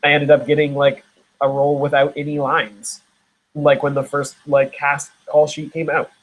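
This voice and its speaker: A man's voice: fairly high pitch, completely flat delivery, normal speed, narrow, tinny audio. A young man from Nova Scotia, an actor guest in a casual interview, talking in a rambling way with many fillers and restarts. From Nova Scotia, Canada.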